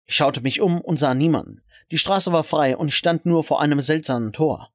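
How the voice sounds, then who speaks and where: A man's voice: a little high, brisk, no echo, studio quality. A man narrating a first-person story in a scripted, dramatic way.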